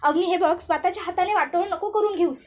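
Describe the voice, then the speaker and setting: A woman reading the lines of a young man, a protective older brother who shouts threats. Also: extremely high pitch, quick pace. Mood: furious shout.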